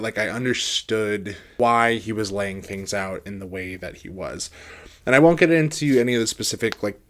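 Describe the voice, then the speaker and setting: A man giving a casual, rambling book review, conversational and hedging, often trailing off at the ends of phrases. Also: mid-range voice.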